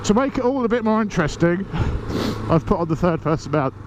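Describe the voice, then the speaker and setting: Animated and quick, this high-sitting voice belongs to a motorcycle vlogger chatting on urban roads outdoors. Snuffly with hay fever, he's cheeky and self-deprecating, swearing occasionally, and the dull recording carries heavy wind and traffic noise.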